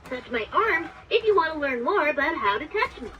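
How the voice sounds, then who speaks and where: A woman's voice: high-pitched, sing-song, a little fast, slight background noise, heavily acted, rough recording. A woman voicing a cheerful, childlike robot panda toy, giving bouncy scripted instructions. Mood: chirpy instructive. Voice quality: bright, bouncy, sing-song. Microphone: played from a toy speaker in the room.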